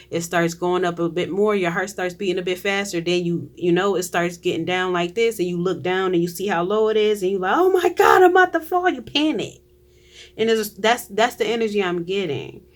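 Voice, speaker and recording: Chatty tarot reader doing a reading for viewers, loose and rambly, laughs a lot, middle pitch. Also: steady tone, a little fast, few pauses. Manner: chatty, trails off and restarts, laughs often.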